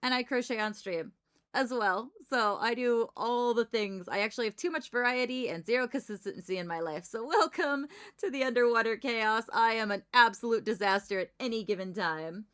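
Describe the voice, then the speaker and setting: Woman, fairly high voice, informal rambling livestream chat, casual. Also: moderate pace, fairly bright tone, clean tone.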